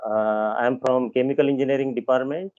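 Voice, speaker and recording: A man's voice: medium pitch, fairly even intonation, brisk, a little mellow, no room sound. Middle-aged Indian man, muffled call. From Mumbai, India. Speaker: research student introducing himself. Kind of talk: online class introduction. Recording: dull lo-fi online call audio.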